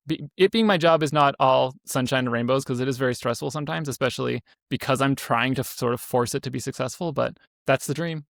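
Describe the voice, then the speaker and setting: A man's voice: medium pitch, fast talker, gravelly, hardly any pauses, dry recording, clean studio sound. A man in his thirties, an indie game developer, talking casually as a podcast guest, rambling with fillers and restarts. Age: 30s. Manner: rambling, self-correcting, frequent fillers. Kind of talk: casual interview talk.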